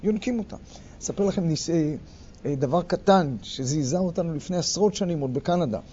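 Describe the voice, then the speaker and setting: An older man leading a workshop, lecturing a group and acting out quarrels in sharp, loud bursts. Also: a little high. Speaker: workshop leader. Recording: muffled recording with faint background noise.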